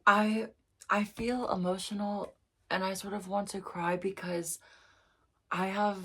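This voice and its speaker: Slow-talking gushing woman vlogger. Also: mid-range voice, level tone, a bit bright, slightly rough. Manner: gushing, emotional, heavy use of "like" fillers. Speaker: music reaction vlogger. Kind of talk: casual album first-listen reaction.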